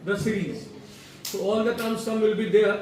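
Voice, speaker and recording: A man's voice: high voice, extremely slow, a little mellow, slight background noise. A man teaching a programming class in a classroom, mixing Hindi with English and quizzing his students as he goes. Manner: mixes Hindi and English, asks students questions. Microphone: far from the mic. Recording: very echoey room, distant mic, faint ambience.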